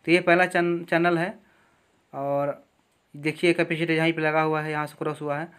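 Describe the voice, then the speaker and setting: A man teaching electronics repair, explaining each wiring step slowly and with a lot of repetition at his workbench. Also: a little high, level tone, a bit bright, clear, resonant tone. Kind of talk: hands-on repair tutorial.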